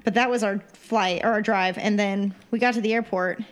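Animated woman telling a story. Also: mid-range voice, normal speed. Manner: animated storyteller who acts out quoted people. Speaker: podcast co-host. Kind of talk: casual storytelling chat.

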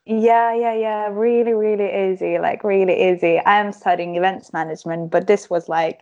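A woman's voice: medium pitch, steady tone, moderate pace, darkish tone, dull audio. Giggly young Croatian-born woman. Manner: giggly, chatty, many "like" fillers. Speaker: guest. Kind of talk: casual podcast interview.

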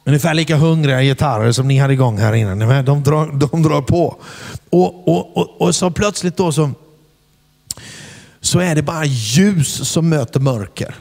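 A man preaching a storytelling sermon, animated and calling out to the congregation whether they follow him. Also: on the high side, gravelly. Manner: animated, asks the crowd "are you with me?"; shouts acted quotes in English. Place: church hall before a congregation. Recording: long hall reverb.

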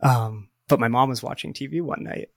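A male podcast co-host chats casually and tells anecdotes. His voice has a medium pitch and a dry, close sound. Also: moderate pace, dry recording.

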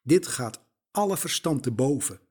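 A man preaching a sermon, slow and emphatic, putting rhetorical questions straight to the listener. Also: mid-range voice, animated, a little mellow, breathy edge.

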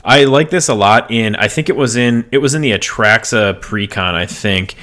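A man chatting casually on a podcast about card game decks, relaxed, with lots of fillers and restarts. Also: medium pitch, moderate pace. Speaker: podcast co-host.

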